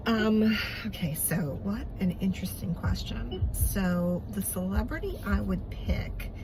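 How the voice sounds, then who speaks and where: Slow rambling Long Island woman. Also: medium pitch, lively intonation, background noise. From Long Island, New York. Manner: rambling, hesitant, with many fillers. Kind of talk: recorded video message to a friend.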